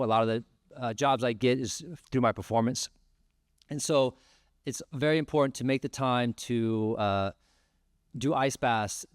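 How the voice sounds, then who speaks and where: Man in his 30s on a con panel, smooth clean voice, dry sound, kinda halting but sincere. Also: mid-range voice, dry recording. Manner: thoughtful, a little halting, earnest. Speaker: panelist, performer. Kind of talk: casual panel answer. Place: convention panel room.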